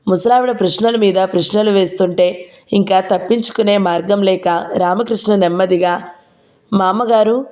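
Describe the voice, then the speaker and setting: A woman reading a novel aloud in a steady, even storytelling voice. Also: medium pitch, moderate pace.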